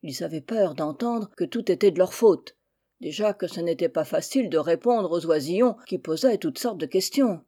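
A woman reading a children's story aloud with gentle, measured narration. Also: fairly low pitch, animated.

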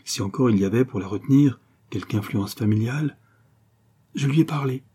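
A man's voice: mid-range voice, a little fast, dark tone, breathy edge, close to an everyday voice. A man reading aloud and voicing an anxious, plain older woman who pleads earnestly in a storybook. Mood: pleading. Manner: earnest pleading, rising to outcry.

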